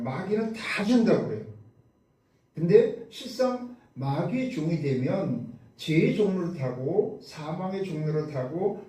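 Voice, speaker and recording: Korean pastor preaching in a very echoey church. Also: male voice, a little high, warm tone. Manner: emphatic, asks the congregation questions and answers them himself. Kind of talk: sermon. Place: church sanctuary. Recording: very echoey hall, voice from a distance.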